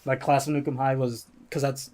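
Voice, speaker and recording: A man's voice: medium pitch, level tone, a little fast, a little mellow, slight background noise. A man with a slight lisp, hosting a casual podcast chat and reading out movie descriptions for a guessing game. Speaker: podcast host running a game.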